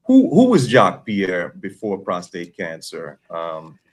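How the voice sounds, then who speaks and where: A native New Yorker hosts a podcast, walking his guest through questions in an orderly, friendly way. His voice sits on the low side. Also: wildly swooping pitch, unhurried. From New York. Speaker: podcast host. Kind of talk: podcast interview.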